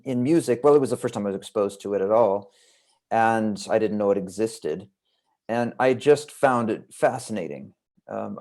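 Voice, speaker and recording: A man's voice: fairly low pitch, a little mellow. An American man from Los Angeles, a guest author in a casual interview, telling his story in a rambling, reflective way over a video call. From Los Angeles, United States.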